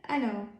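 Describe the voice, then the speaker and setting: A tired woman with a Burgundy French accent, chatting as she reads tarot cards, full of fillers and soft laughs. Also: echoey room. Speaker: tarot card reader. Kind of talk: casual card-reading video.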